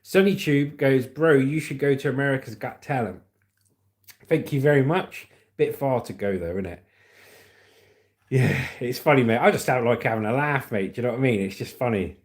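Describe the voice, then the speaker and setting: A man's voice: medium pitch, animated, normal speed. A man hosting a casual livestream, reading out viewer comments and joking about them. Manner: jokey, reads viewer comments aloud. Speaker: livestream host.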